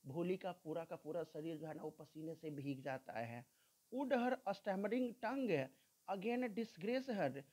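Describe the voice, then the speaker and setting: Slow-speaking woman teacher. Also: on the low side, a little mellow. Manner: reads English text slowly, then explains in Hindi. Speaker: English teacher. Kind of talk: line-by-line lesson explanation.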